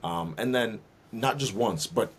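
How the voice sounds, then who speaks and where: A man, a minister and detailing business owner, speaking as a guest in a casual interview, thoughtful and filling pauses with um and uh. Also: fairly low pitch, slightly rough. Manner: thoughtful, many fillers and restarts.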